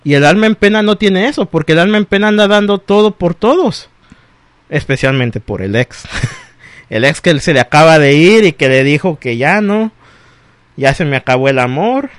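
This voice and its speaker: A man talks in an easy, animated way, laughing often and acting out quoted voices. His voice sits a little high for a man. The recording is close and dry, with no room echo. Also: moderate pace. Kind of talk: casual chat about exes.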